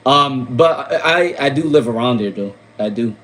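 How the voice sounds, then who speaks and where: A man's voice: medium pitch, lively intonation, moderate pace, a bit bright, slight background noise, poor audio. A man from Rhode Island giving casual tarot readings on a live stream, repeating names and questions with many fillers. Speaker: tarot reader.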